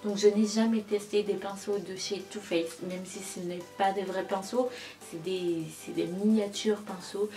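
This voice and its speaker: A woman's voice: mid-range voice, fairly even intonation, a little slow, dark tone, faint music behind. A young woman reviewing a makeup palette for her channel in a casual, enthusiastic way, often repeating words for emphasis. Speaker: beauty vlogger.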